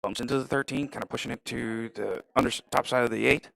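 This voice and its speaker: A man's voice: medium pitch, fairly even intonation, fast talker, gravelly, bright, forceful tone, no room sound, low-quality recording. A man giving casual live play-by-play of a pool match, thinking aloud about shot choices. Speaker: pool commentator.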